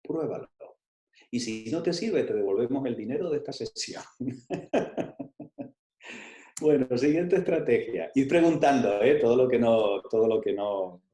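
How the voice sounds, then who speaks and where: A man teaches a coaching workshop in a warm, mellow voice. He talks emphatically, repeats his key lines and throws in rhetorical questions. The sound is echoey, as if from a bare room. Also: mid-range voice, animated, unhurried, long pauses. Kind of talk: online workshop talk.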